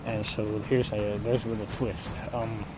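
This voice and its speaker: A man's voice: fairly low pitch, little pitch movement, normal speed, over music, rough recording. A man rambling casually and bluntly with plenty of swearing, talking with a lip full of dipping tobacco. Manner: blunt, coarse, frequent swearing. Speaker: gaming video creator.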